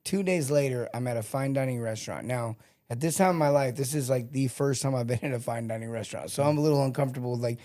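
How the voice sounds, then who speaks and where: A man's voice: mid-range voice, fast talker. A middle-aged man, a sales coach, talking casually as a podcast guest and acting out the people in his stories. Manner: animated storyteller, acts out quotes.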